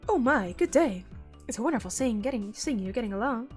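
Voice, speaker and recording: A woman's voice: on the high side, expressive, a little fast, darkish tone, soft background music, natural voice. A woman voicing a kindly, polite old village woman with a genteel, sing-song manner. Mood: pleasant.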